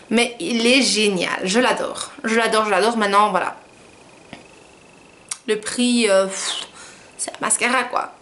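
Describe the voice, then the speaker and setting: A woman's voice: a little high, a bit bright, slight background noise. A woman chatting through a casual beauty product review, rambling and poking fun at herself. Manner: chatty, rambling, self-mocking. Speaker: beauty vlogger.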